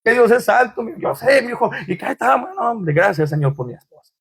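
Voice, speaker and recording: A man preaches from the pulpit in a high, husky voice. He swings from shouted scripture to quiet, low asides to the congregation. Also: very animated, a little fast. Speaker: pastor. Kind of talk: bilingual sermon. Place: church.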